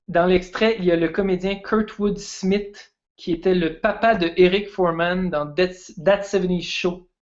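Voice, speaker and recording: A man's voice: high-pitched, steady tone, moderate pace, few pauses, highs cut off. A man, a guest film expert chatting casually and enthusiastically on a stream.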